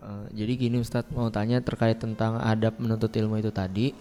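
A man's voice: on the low side, level tone, a little fast, warm tone, soft background music. A man in the audience asking a question in a casual way. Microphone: handheld or shared audience mic. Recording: reverberant studio microphone.

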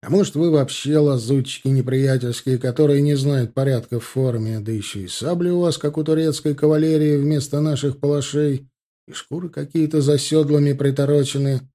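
A man's voice: medium pitch, steady tone, fairly quick, warm tone, natural voice. A man reading an audiobook, voicing an easygoing young lieutenant who talks in a chatty way. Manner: chatty, dismissive.

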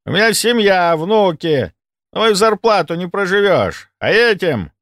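A shrill, cowardly old morgue orderly, as a male reader puts him on, caught stealing from the dead. He squeals high and loud, whining and snapping in a jumpy voice. The audiobook sound is dry and close. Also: very animated, a little slow, no echo, exaggerated voice.

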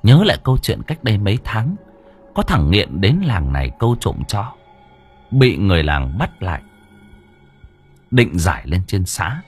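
A man narrating an audiobook story in a lively, expressive way. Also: deep voice, normal speed, pauses often, husky, soft background music.

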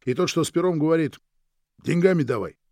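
A man voicing a worldly man who tells stories in a lively, animated way in a storybook reading. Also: a little high, fast talker, no echo, clean studio sound, pitched above the performer's own voice, natural voice.

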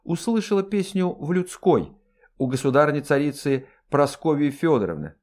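A man's voice: fairly high pitch, animated, normal speed, darkish tone, voice pushed up, close to an everyday voice. A man doing a whining, fawning dwarf woman. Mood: wailing. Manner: wailing, pleading, fawning.

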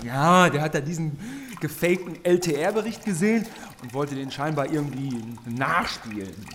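A man's voice: a little high, expressive, fairly bright tone, a little hiss or hum. An actor playing a nervous, earnest man who wants to be a superhero, in a radio drama. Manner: nervous, hurried. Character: flustered would-be superhero man, anxious and earnest.

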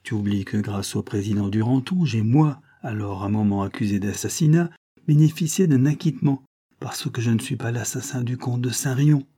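A man voicing a defiant old male woodsman in an audiobook, speaking loudly and indignantly with a husky voice. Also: mid-range voice, moderate pace. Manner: loud, indignant, rising to shouts.

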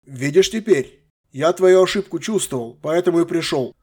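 A man playing a cold, stern old archmage grandfather who speaks in an unhurried, commanding way. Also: a little high, lively intonation, dark tone, slightly rough. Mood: lecturing.

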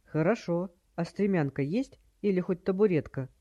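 Brief: narrator playing a barking, impatient thug, loud, dull lo-fi recording. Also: medium pitch, moderate pace, natural voice. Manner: irritable, barking. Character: gruff impatient male criminal.

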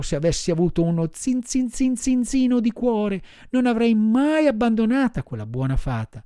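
A man's voice: on the high side, mellow, no echo, pitched above the performer's own voice, natural voice. A weepy, desperate wooden puppet boy, as a male narrator puts him on wails and pleads in a raised voice. His tone leaps up and down across a storybook reading. The sound is dry and close. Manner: wailing, pleading.

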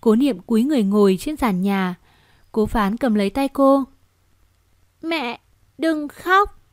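A woman narrating a romance novel as an audiobook, in a steady, expressive storytelling manner. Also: medium pitch, moderate pace, no room sound, clean studio sound. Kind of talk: scripted narration.

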